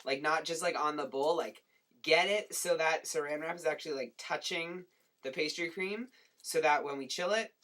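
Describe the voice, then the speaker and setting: A cooking show host giving a jokey home cooking demo in a kitchen, talking with playful asides and deadpan jokes. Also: mid-range voice, moderate pace.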